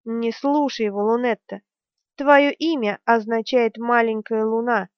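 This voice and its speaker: A woman voicing a fierce young heroine who shouts defiantly, in an audiobook reading. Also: on the high side, steady tone, unhurried, no echo, natural voice. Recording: dry, dull lo-fi recording.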